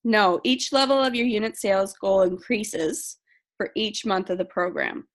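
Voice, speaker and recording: A woman with a mid-range voice speaks at a moderate pace as she casually walks a sales team through program rules in a training talk. She reads questions aloud, answers them with frequent ums, and mentions that she is losing her voice.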